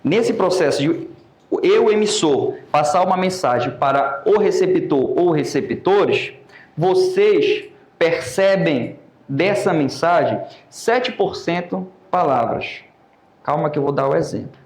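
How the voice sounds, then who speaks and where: Brazilian guy teaching oratory, a bit high voice, roomy classroom echo, keeps calling on students. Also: takes it slowly. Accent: Brazilian Portuguese. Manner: lively, questions students by name. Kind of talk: classroom lecture.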